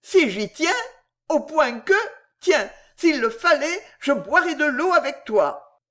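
A woman's voice: sits high, animated, slow, fairly bright tone, voice pushed up, heavily acted. A reader voicing a fat old drunkard man who whines, stammers and pleads tearfully. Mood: tearful pleading.

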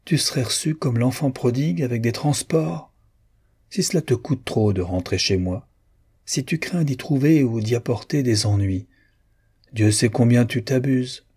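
A man reading an audiobook and voicing an anxious, loving mother who pleads softly. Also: medium pitch, expressive, normal speed, breathy edge. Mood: pleading. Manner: soft, pleading, gently raised.

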